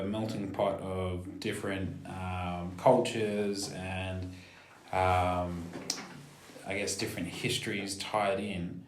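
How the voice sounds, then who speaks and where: A man's voice: fairly low pitch, echoey room. A man, a pastor, asking questions in a discussion, hesitant with many ums. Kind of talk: conversational discussion.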